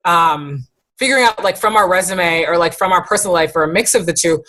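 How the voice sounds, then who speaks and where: A woman's voice: fairly low pitch, brisk, fairly bright tone. A woman from the US East Coast in a casual interview, chatty, peppering her speech with "like" and "right". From United States East Coast. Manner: chatty, says "like" and "right" often. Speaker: podcast guest.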